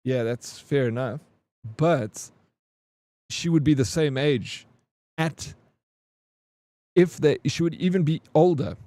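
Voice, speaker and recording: A man's voice: fairly high pitch, slow pace, pauses often, mellow, no echo. A man in his forties chatting casually with his live-stream chat, joking and answering comments. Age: 40s. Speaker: game streamer.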